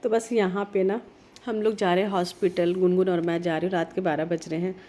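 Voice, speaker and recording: Woman vlogging with a cold, hoarse, voice real dark and flat, earnest rambling chat. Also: brisk. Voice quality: heavy, low-sounding voice. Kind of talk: casual vlog talk.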